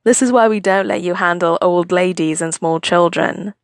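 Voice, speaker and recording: A woman voicing a cheerful, teasing young man in a higher, brighter voice than her own. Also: normal speed, dry recording, clean studio sound, close to an everyday voice. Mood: fond.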